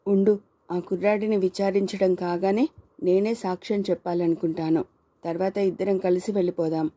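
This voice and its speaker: A woman voicing a young woman who speaks gently and reassuringly. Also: on the low side, fairly even intonation, moderate pace, no room sound, natural voice.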